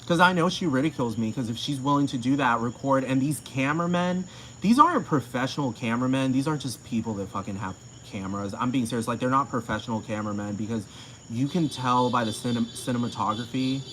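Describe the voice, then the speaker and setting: A man's voice: medium pitch, fast, fairly bright tone, a little hiss or hum, rough recording. A man ranting to camera in a casual, profane, heated way, repeating himself.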